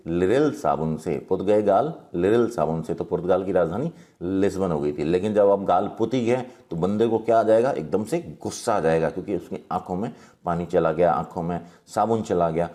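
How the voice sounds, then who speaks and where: A man, teaching general-knowledge memory tricks in a lively storytelling way. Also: low-pitched. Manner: lively, storytelling, acts out little quotes.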